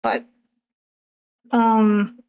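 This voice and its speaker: A woman streamer chatting casually while she draws, hesitant and self-conscious, with many pauses and fillers. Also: mid-range voice, big pitch swings, a little mellow, smooth, rough recording. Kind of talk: casual chat while drawing.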